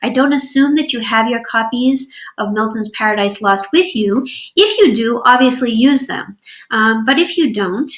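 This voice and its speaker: A woman teaching a literature class, with a fairly high voice and warm enthusiasm for the poems. She explains step by step, often pausing with um and uh. The room sounds echoey around her. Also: expressive. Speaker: literature professor. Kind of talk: recorded online lecture.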